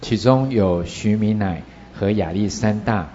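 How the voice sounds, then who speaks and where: Low-voiced man reading scripture slowly. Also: warm tone, muffled recording, slight background noise. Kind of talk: congregation reading scripture aloud.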